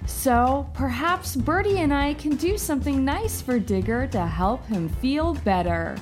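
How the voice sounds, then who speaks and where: A woman hosts a children's story show in a high, widely swooping voice. She talks slowly and encouragingly to young listeners while music plays under her. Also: expressive. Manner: bright, sing-song and encouraging. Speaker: children's podcast host. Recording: with music behind. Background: background music.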